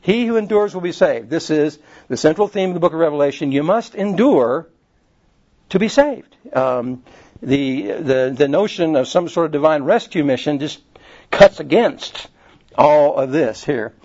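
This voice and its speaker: Male pastor, fairly high voice, chatty and digressive delivery, slightly dull lo-fi recording. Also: normal speed, darkish tone. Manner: conversational, digressive, with frequent restarts. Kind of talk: sermon.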